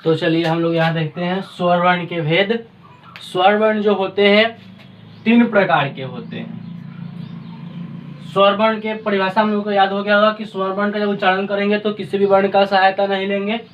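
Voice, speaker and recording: Man, high pitch, patient teacher, repetitive quizzing style. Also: fairly even intonation, normal speed, muffled recording, slight background noise. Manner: patient, repeats points, asks the class questions. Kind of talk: classroom lesson.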